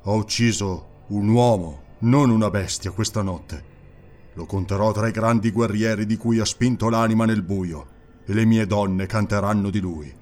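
A grim barbarian warrior with a low, gruff voice who speaks bluntly in few words, as a male narrator puts him on. His tone is dark and flat. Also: normal speed, soft background music, natural voice.

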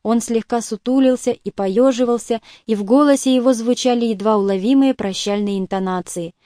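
A woman reading a literary novel as an audiobook narrator in a measured, even way. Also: on the high side, no echo, studio quality.

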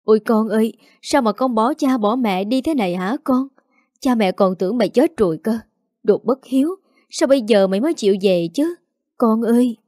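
Woman reading as a naggy forty-something peasant mom, sharp tongue, mellow voice, dry. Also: medium pitch, fairly quick, no echo, natural voice. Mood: sobbing reproach. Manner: sharp nagging, scolding. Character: scolding, tearful peasant mother in her forties.

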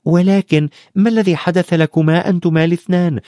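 A man's voice: high-pitched, steady tone, brisk, dark tone, no room sound, studio quality, pitched above the performer's own voice, close to an everyday voice. A man voicing a thoughtful, brave young schoolboy in an audiobook, talking in an earnest, reasoning way. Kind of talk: audiobook character voice.

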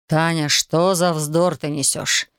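A reader doing a stern, slow father. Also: medium pitch, flat delivery, a bit bright, smooth, no room sound, clean studio sound. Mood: scolding. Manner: slow and severe. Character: stern, gruff middle-aged father.

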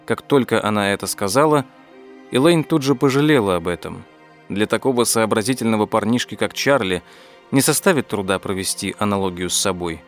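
A man reading an audiobook as its narrator, telling the story in a measured, even way. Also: fairly low pitch, faint music behind. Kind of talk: scripted narration.

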